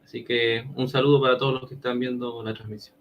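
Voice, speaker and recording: A man's voice: mid-range voice, flat delivery, lo-fi sound, slight background noise. Earnest Chilean man opening a debate. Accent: Chilean Spanish. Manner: earnest, deliberate, with fillers. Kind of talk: debate presentation.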